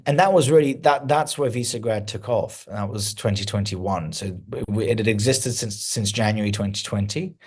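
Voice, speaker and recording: A man answering interview questions in a measured, explanatory way, often restarting his sentences. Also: mid-range voice, a little mellow. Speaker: interview guest, founder of a news account.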